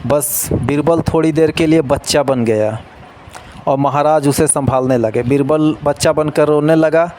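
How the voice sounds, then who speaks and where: A man's voice: on the high side, measured pace, slight background noise. A man telling a folk tale in Hindi, switching between the voices of a king and his courtier. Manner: lively storytelling, voicing king and courtier in turn. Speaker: storyteller.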